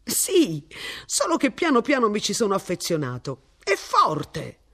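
A woman's voice: medium pitch, huge pitch swings, measured pace, fairly bright tone, voice pushed up, full character voice. A woman voicing a cheerful, overfamiliar young man with a breezy, chatty manner in a story reading.

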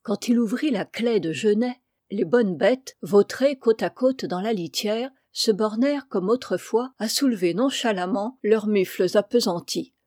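Mellow woman reading a novel aloud. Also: mid-range voice, dry recording, clean studio sound. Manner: measured, expressive reading. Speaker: audiobook reader. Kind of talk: literary audiobook narration.

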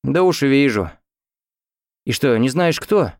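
An eager young student chatters excitedly at his friend's bedside, as a male narrator voices him. The voice stays close to the reader's own, a little gravelly. Recorded dry and close. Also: mid-range voice, slow pace, no room sound, voice pushed up. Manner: excited, lively.

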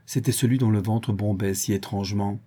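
A man narrating a classic novel in a measured, dramatic reading. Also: lowish voice, fairly even intonation, dark tone, husky. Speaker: audiobook reader. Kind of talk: scripted narration.

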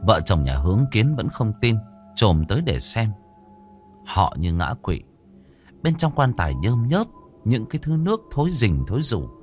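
A man narrating a ghost story in a suspenseful, expressive way. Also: mid-range voice.

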